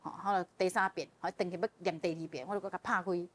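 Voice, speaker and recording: A woman as a guest telling a personal story in casual chat, animated and often laughing as she relives the emotion. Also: fairly low pitch, quick pace. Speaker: guest sharing a personal testimony.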